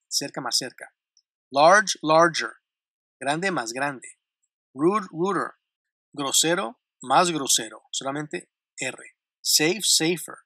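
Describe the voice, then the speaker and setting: Bright-voiced man teaching grammar. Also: on the high side, dry recording, studio quality. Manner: repeats word lists slowly and clearly, with light laughs. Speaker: English teacher. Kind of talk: grammar lesson explaining English to Spanish speakers.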